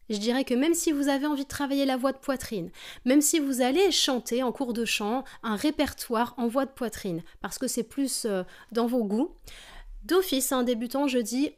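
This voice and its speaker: A woman teaching a singing lesson, explaining vocal technique calmly and demonstrating exercises. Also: high voice.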